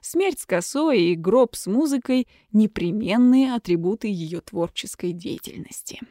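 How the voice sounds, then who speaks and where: Female audiobook narrator, expressive comic reading, dry close sound. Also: mid-range voice, normal speed, no room sound. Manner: lively, expressive reading with acted dialogue.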